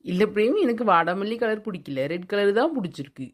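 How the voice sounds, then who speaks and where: A woman's voice: medium pitch, lively intonation, brisk, close to an everyday voice. Woman voicing a stubborn young bride, insistent, cartoon. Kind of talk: cartoon voice acting.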